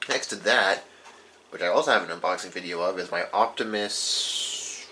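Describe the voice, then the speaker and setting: In a rambling, unscripted show-and-tell, a radio collector walks through his collection and corrects himself as he goes. His voice sits low with a sharp tone, at a moderate pace. Faint background noise runs through the low-quality recording.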